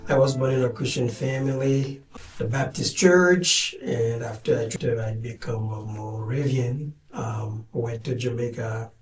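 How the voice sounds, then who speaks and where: Man, from Haiti, measured interview answers, roomy distant sound, faint music. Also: mid-range voice, steady tone. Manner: measured, plain, with some hesitations. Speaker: guest, community director.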